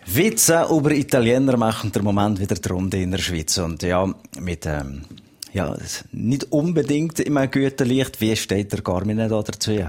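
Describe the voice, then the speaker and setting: Husky Swiss German radio host. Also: male voice, fairly low pitch, animated, moderate pace, a little mellow. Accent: Upper Valais Swiss German. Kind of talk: conversational interview.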